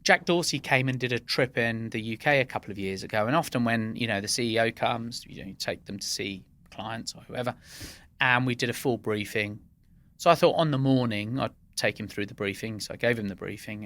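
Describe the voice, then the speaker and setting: A man's voice: mid-range voice, fairly quick, fairly bright tone. A man who grew up in England after being born in Iran, a podcast guest telling earnest workplace anecdotes with frequent restarts. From Iran, raised in England. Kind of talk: interview conversation.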